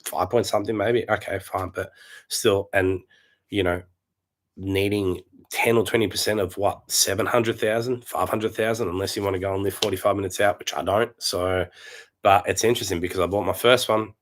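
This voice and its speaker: A man in his late thirties, going hoarse as he chats casually to camera, rambling and repeating himself. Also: low voice, steady tone, moderate pace. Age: late 30s. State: losing his voice. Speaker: property vlogger.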